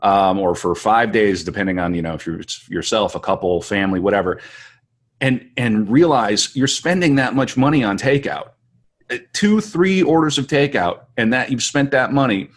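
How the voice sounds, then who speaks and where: This podcast host from western North Dakota has a lowish, expressive voice and talks at a moderate pace. He muses casually, drifting in a reflective, rambling way.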